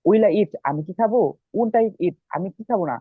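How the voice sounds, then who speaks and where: High-voiced man student on a tinny call. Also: normal speed, breathy edge, no room sound. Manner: polite, recites each line then its translation. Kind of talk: reciting drill sentences. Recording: tinny dry call audio.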